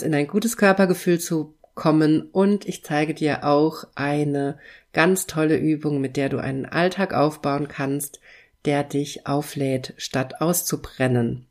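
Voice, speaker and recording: Low-voiced woman hosting a solo podcast. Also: darkish tone. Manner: addresses the listener directly, earnest, stacks lists of adjectives. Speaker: podcast host and coach. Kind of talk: scripted solo podcast monologue.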